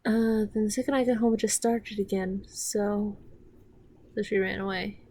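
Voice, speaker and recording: A woman's voice: medium pitch, fairly even intonation, normal speed, mellow. A woman rambling casually through a show, recapping scenes with restarts and getting heated and swearing when annoyed. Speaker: reaction commentator. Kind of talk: casual watch-along commentary.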